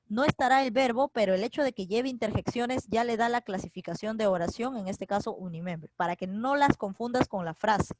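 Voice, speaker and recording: A woman teaching an online grammar class to young students. She explains patiently, repeats key points and checks in with tag questions, and slows down to spell out example sentences. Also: on the high side, noisy background. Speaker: secondary school teacher. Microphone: computer mic for a virtual class.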